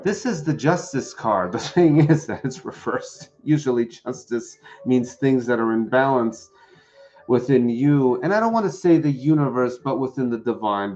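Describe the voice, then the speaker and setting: A man's voice: mid-range voice, moderate pace, a little mellow, highs cut off, faint music behind. A man doing a live-streamed tarot reading, chatting with viewers and answering the chat. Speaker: tarot reader.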